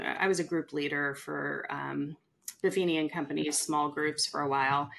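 A middle-aged woman with a low voice and a gravelly, creaky texture. She talks casually in a chatty, animated way about her real estate work. She often slips into the voices of the people she quotes. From California. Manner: chatty, animated storyteller who acts out quotes. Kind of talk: casual podcast conversation.

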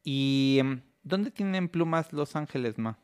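A man's voice: fairly high pitch, lively intonation, unhurried, a little mellow, clear, resonant tone, no room sound, clean studio sound. A man voicing a curious six-year-old boy who keeps questioning his mom. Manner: childlike, whiny questioning.

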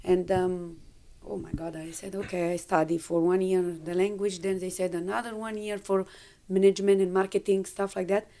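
A woman in her fifties from Romania with a Romanian accent, speaking English as a second language as a podcast guest, halting and searching for words, animated when retelling. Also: mid-range voice. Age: 50s. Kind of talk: conversational interview.

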